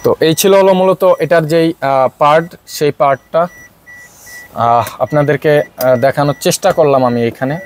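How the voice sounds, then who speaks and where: A Bangladeshi-accented car mechanic explains a fault while working in a workshop demonstration, using plenty of filler sounds. His voice is on the high side at a moderate pace, with a little hiss or hum in the audio.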